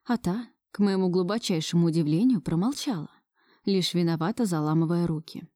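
Woman narrating a story, mellow and dry. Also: lowish voice, brisk, no echo. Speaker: audiobook reader. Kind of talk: first-person story narration.

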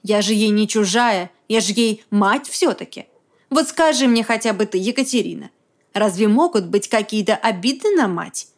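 A woman's voice: mid-range voice, lively intonation, moderate pace, close to an everyday voice. A woman reading an audiobook, voicing a tired middle-aged mother who complains with self-pity. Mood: aggrieved. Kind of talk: audiobook character voice.

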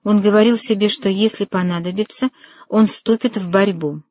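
A woman calmly reading a novel aloud as an audiobook narrator, in a measured way. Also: mid-range voice, no echo. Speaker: audiobook reader.

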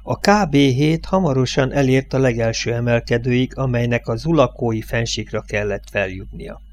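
A man narrating a novel as an audiobook, reading in a measured, steady way. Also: mid-range voice. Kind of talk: scripted narration.

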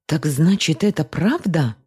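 A woman's voice: low voice, very animated, unhurried, breathy edge, heavily acted. A woman voicing a suspicious young wife who presses her husband in an audiobook story. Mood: insistent. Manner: insistent, rising to shouting.

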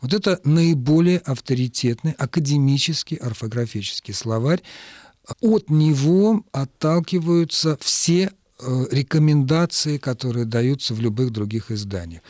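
A man answering listeners' questions about language on a radio call-in show, explaining at a measured pace with occasional hesitations. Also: medium pitch, animated, a little mellow, no echo, studio quality. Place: radio studio.

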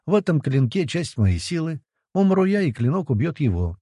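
A cocky nobleman plotting in a storybook, his voice pitched up and swinging lively, played by a male narrator. The tone is husky and dark, recorded dry. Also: normal speed, no echo. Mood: smug. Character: cocky scheming nobleman, male, middle-aged.

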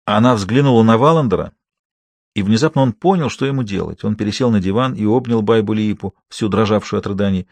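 A man reading a thriller audiobook in a calm, steady, scripted narration. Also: fairly low pitch, a little fast, no room sound.

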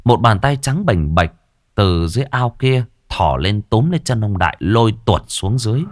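Lively low-voiced man telling a ghost story. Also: normal speed.

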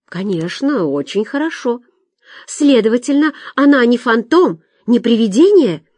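A frightened woman on the edge of tears, as a female reader puts her on, her voice climbing high in anxious, shrill bursts. The audiobook is recorded close and dry, with no room around it. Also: big pitch swings, unhurried, darkish tone, dry recording. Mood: agitated. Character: frightened, tearful woman haunted by fear.

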